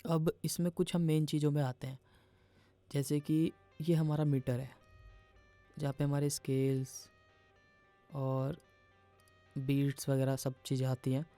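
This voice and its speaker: A man teaching beginners music production software in a casual, explanatory way, often calling the viewers "guys". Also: a little high, level tone, unhurried, pauses often, no room sound. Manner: casual explanatory, addresses viewers as guys, mixes English terms into Hindi. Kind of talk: screen-recorded software tutorial. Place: home music studio.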